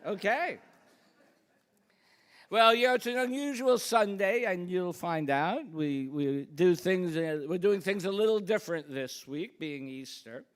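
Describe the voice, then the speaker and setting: A woman minister leads a church service in the sanctuary, making announcements and reading scripture to her congregation with informal, self-deprecating asides in between. Her voice is lowish and unhurried.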